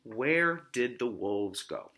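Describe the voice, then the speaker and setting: This teacher-style reading of a children's storybook comes from a man with a medium-pitched, pushed, bright voice and lively intonation. He reads expressively, breaking off to explain and ask questions.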